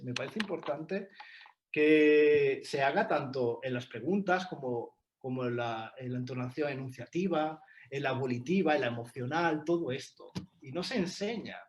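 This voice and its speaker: A man's voice: medium pitch, a little hiss or hum. A man co-presenting a textbook in an online talk, speaking in a hesitant way with many fillers and restarts over a video call.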